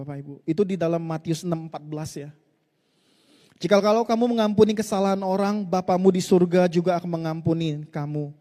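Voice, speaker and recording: A man's voice: high voice, darkish tone. A man preaching a sermon, telling a story and often speaking straight to the congregation, getting them to answer back. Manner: leads the congregation in call-and-response. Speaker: pastor. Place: church hall. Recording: long hall reverb.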